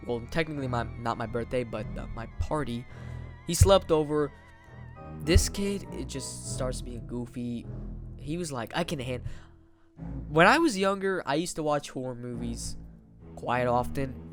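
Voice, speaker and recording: A young man tells a loose, rambling story in casual slang. He leans on filler words as he goes, at an ordinary middle pitch. Soft music plays faintly underneath. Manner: rambling, slangy, lots of "like" and "bro". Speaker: vlogger.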